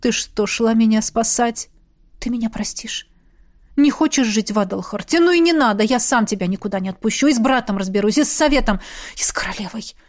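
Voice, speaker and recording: A woman reading an audiobook and voicing a fierce, fire-wielding male warrior mage who is protective of his beloved, gruff at first and then tender. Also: on the high side, expressive, quick pace, few pauses, darkish tone, lightly acted. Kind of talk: audiobook character voice.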